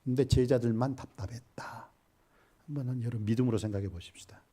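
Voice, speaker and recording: A middle-aged male pastor preaching a sermon, acting out Bible scenes with sudden loud and hushed lines and asking the congregation questions. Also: medium pitch, fast. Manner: asks the congregation questions and has them repeat after him. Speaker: senior pastor.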